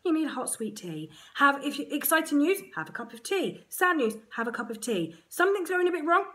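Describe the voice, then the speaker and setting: An Englishwoman telling a personal story to camera in a chatty, frank, self-mocking way, full of quick asides. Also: high voice, big pitch swings, fairly bright tone. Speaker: surrogate mother vlogger.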